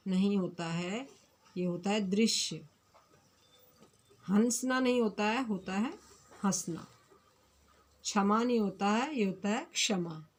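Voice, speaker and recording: A woman teaching a fifth-grade Hindi grammar lesson online, speaking in a patient, repetitive way and carefully correcting words one at a time. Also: mid-range voice. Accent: Punjabi. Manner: explains slowly and repeats corrections.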